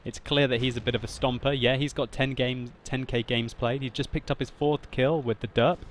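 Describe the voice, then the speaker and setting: A man narrating his own tank battle gameplay as a voice-over commentary, laughing often and getting loud and excited at big moments. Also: medium pitch, a little fast, slight background noise. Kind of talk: video game commentary voice-over.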